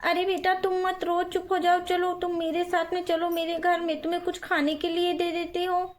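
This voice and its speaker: A kind, worried young housewife who coaxes and soothes and thinks out loud, as a woman puts her on. She speaks in a very high, gentle voice for a doll storybook video. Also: monotone, normal speed. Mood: soothing. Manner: coaxing, talks to herself aloud.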